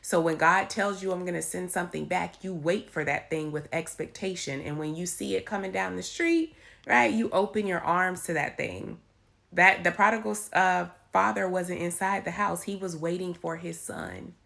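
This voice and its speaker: Raspy, low-voiced woman with a creaky edge. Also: moderate pace, fairly bright tone. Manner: emphatic, repeats key phrases. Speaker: faith vlogger giving encouragement. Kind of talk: informal devotional talk to followers. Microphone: handheld phone.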